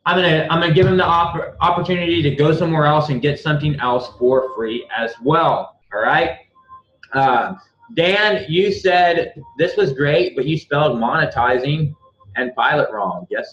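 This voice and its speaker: A man's voice: a little high, a bit bright. A man teaching a live screen-share tutorial, talking bluntly and swearing freely, repeating himself as he walks through each step. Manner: blunt and profane, repeats himself while clicking through steps. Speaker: online marketing instructor. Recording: echoey room, slightly dull lo-fi sound.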